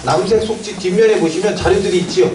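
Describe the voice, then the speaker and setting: A man with a fairly high, mellow voice gives a quick seminar lecture to academy owners. He keeps asking questions and answering them himself. He is recorded from a distance in an echoey room. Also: a little hiss or hum.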